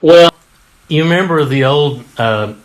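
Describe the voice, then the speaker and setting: A man's voice: on the high side, measured pace. Folksy male congressional candidate. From Oklahoma. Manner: folksy and earnest, with homespun exclamations. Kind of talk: interview answers.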